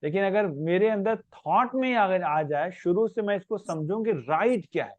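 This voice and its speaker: A man's voice: high-pitched, expressive, normal speed, darkish tone, dry recording, muffled recording. A man leading a spiritual question-and-answer class. He explains patiently with everyday examples. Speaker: spiritual teacher.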